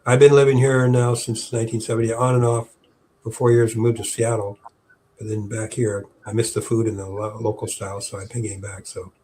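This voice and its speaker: A man's voice: on the low side, level tone, brisk, dark tone, a little hiss or hum. A man in his seventies chatting as an interview guest, rambling with many fillers and restarts. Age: 70s. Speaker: interview guest, historic park staff. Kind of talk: casual interview chat.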